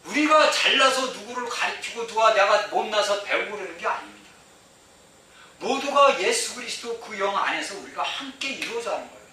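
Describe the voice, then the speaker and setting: A man's voice: high voice, expressive, a little fast, sharp tone. A man preaching a sermon as pastor, emphatic, repeating phrases and asking the congregation rhetorical questions. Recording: very echoey hall, mic far off, faint noise.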